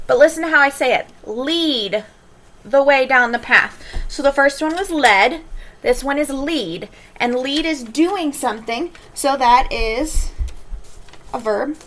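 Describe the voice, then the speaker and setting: A woman teacher giving a recorded lesson, explaining clearly and stretching key words slowly for emphasis. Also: high voice, a bit bright, slight background noise.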